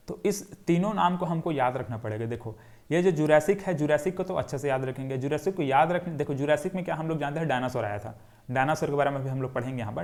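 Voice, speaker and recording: A man's voice: on the high side, darkish tone. Man drilling students in a lecture. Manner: repetitive question-and-answer drilling; drawing on a board while explaining. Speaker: geography teacher. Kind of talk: classroom lecture.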